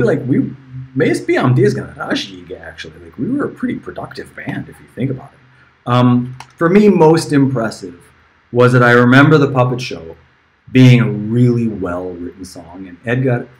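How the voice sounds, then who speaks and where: Through poor audio, this middle-aged man's mid-range, husky voice sounds very animated at a normal speed. Livestreaming to fans and friends as a musician, he chats casually, drifting between asides and chuckling occasionally.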